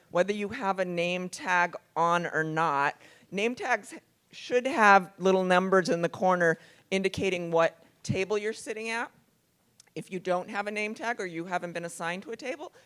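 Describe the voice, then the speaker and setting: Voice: mid-range voice, fairly bright tone, smooth. An event organizer making practical, friendly announcements over a microphone at a hotel ballroom event. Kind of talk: announcements to an audience. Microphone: handheld microphone.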